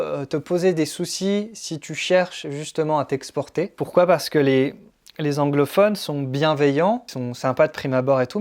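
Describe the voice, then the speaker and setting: A man speaks to his viewers as a music coach. His voice sits fairly high, and his talk is chatty and familiar, loose and full of fillers. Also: a little mellow. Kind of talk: casual talk to camera.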